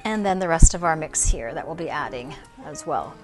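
Low-voiced woman hosting a home cooking show. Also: expressive, a little fast, over music. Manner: friendly, explains step by step with fillers. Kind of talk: cooking demonstration. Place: home kitchen, indoors.

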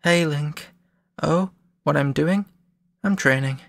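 Shy young weakling from a game, self-deprecating and sheepish, as a man reads him out; gravelly, faint music under. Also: fairly high pitch, slow pace, no room sound. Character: weak, shy young man training alone.

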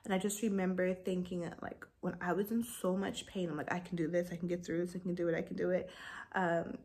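A young woman vlogger casually recounting her labor story, animated and jumping high in pitch when she retells her frustration. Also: fairly quick.

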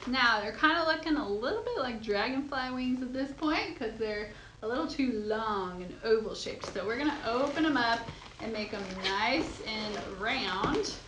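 A woman's voice: fairly high pitch, lively intonation, normal speed, a bit bright. A young woman teaching balloon twisting step by step, bubbly and giggly, gushing over how cute each piece looks. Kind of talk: step-by-step tutorial. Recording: echoey room with audible noise.

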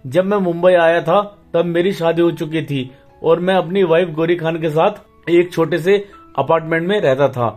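A man's voice: on the high side, moderate pace, darkish tone, faint music behind. A man giving a scripted, informative tour-guide voice-over for a travel vlog. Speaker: travel vlogger.

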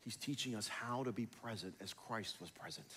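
Male pastor, conversational sermon delivery with emphatic swells, low voice, long church reverb. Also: normal speed, fairly bright tone, husky. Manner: conversational preaching, rising to emphatic near the end. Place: large church sanctuary.

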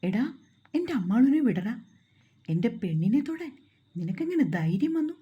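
A woman's voice: on the high side, sing-song, moderate pace, mellow, breathy edge, muffled recording. A woman voicing a simple-minded young man, earnest and fiercely protective of his wife. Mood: angry. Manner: earnest, angry.

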